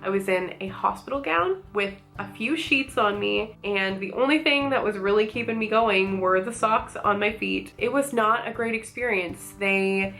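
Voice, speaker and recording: A woman's voice: mid-range voice, normal speed, vocal fry, few pauses, fairly bright tone, soft background music. Woman narrating a personal story. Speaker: vlogger.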